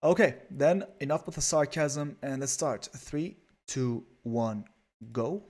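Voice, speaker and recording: A man's voice: medium pitch, slow, a little mellow. A man casting a strategy game live, chatty and rambling with lots of fillers. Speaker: esports caster.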